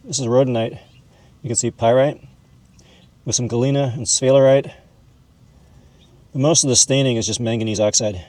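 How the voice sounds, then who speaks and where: In this informal educational video, the host, a mineral hobbyist, demonstrates and explains in a folksy, chatty manner, calling each object "this guy." He speaks in a mid-range, slightly mellow voice with a steady tone at a moderate pace, leaving long pauses.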